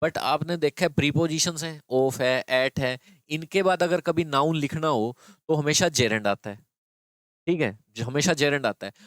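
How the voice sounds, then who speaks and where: A man's voice: a little high, a little slow, a bit bright, no room sound. A man teaching an exam-prep English grammar lesson, explaining step by step and repeating key phrases to his students.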